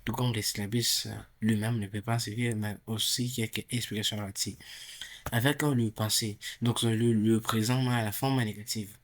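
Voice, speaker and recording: A man with a fairly low voice gives a recorded grammar lesson. He talks through it with many fillers and restarts, then drills the example phrases slowly and loudly. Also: steady tone. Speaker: English teacher.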